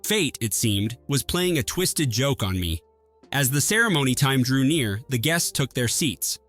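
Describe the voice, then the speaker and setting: A man telling a first-person story in an even, measured scripted narration. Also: mid-range voice, soft background music.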